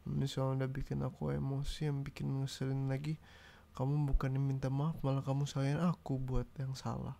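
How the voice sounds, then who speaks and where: Young man, ASMR boyfriend role-play; mellow, gravelly voice, sulky nagging tone, close mic. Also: medium pitch, completely flat delivery, a little fast. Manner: pouty, nagging boyfriend complaints. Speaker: ASMR roleplay creator.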